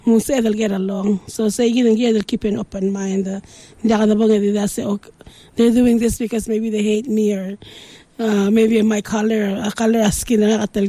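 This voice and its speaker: A woman with a Palauan accent hosts a conversational interview. Her voice is soft-edged and dark at a medium pitch. She speaks haltingly, searching for words as she moves between two languages. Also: no room sound, rough recording.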